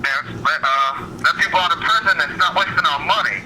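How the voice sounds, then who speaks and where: A man's voice: a little high, fairly quick. Guy calling in over speakerphone, easygoing short answers, lots of line noise, sounds far off. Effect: heard over a speakerphone prison call. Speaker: caller phoning in from prison. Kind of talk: casual chat. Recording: noisy speakerphone call from afar.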